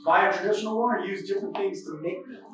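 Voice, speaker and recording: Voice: medium pitch, quick pace, very echoey, recorded from a distance, rough recording. Off-mic helper reading out comments. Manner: reads comments aloud, lively intonation.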